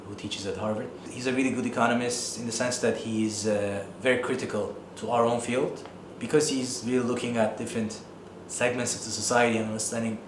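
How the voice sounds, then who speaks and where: A man's voice: on the low side, reverberant, background noise. A man in his thirties from Turkey with a Turkish accent, an economics professor answering interview questions thoughtfully, with many fillers.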